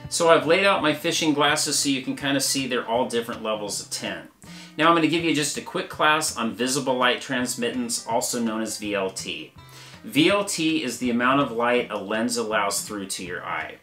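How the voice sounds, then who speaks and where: A man's voice: mid-range voice, lively intonation, moderate pace, bright, forceful tone, reverberant, faint music behind. A man hosting a fishing channel, explaining gear in a plain, practical, step-by-step way. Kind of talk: gear review talk to camera.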